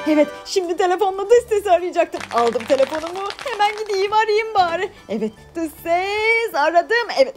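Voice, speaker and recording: A woman narrating a playful toy story as a vlogger. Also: very high-pitched.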